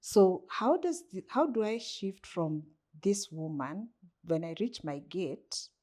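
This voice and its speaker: Slow and dark-toned, the Kenyan coach's mid-range voice swings widely in pitch. She's a guest in a reflective interview, thinking things through and putting rhetorical questions to herself.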